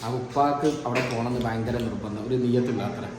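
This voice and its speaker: A woman's voice: rumbling low, quick pace. A woman, chatting casually in a family vlog, laughing often as she talks to her children. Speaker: vlogger, mother. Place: family home, indoors. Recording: noisy home phone recording.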